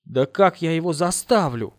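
A man's voice: a little high, expressive, moderate pace, dry recording, natural voice. Man doing a flustered, frightened simple woman. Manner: mumbling, flustered exclamations.

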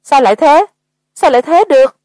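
A woman's voice: sits high, lively intonation, brisk, darkish tone, no room sound, pitched above the performer's own voice. A woman doing a sobbing, panicking man. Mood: desperate sobbing. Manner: desperate, wailing. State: crying.

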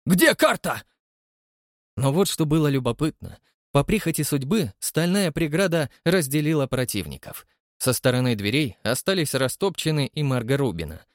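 A male narrator with a lively, swinging pitch and dramatic delivery, reading an adventure novel. He is heard close to the mic in a dry, deadened sound. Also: no echo. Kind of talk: expressive audiobook reading.

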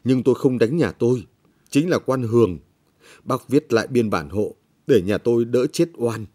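A man's voice: mid-range voice, animated, moderate pace, warm tone, close to an everyday voice. A man doing a frightened pleading widow. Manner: pleading, anxious.

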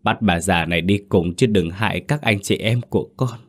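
A man's voice: low voice, normal speed. A man voicing a grieving old mother in her sixties or older, wailing and pleading with the spirits of her dead family. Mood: anguished pleading.

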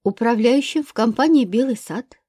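A grown son faces questioning with restraint, read by a woman. His answers come calm and measured. The voice sits a little high and mellow, recorded close and dry. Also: husky, no echo. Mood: restrained.

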